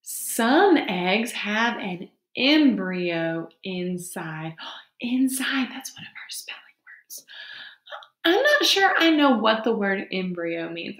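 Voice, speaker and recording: In a roomy space with echo, a woman teacher with a medium-pitched, somewhat bright voice reads to young children, explaining simply and expressively and stopping to ask them questions.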